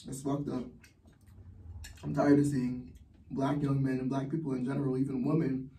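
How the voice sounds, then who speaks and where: A man's voice: mid-range voice, little pitch movement, moderate pace, mellow, distant mic. A man giving heated, blunt personal commentary as a vlogger, swearing often. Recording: roomy echo, from the mic.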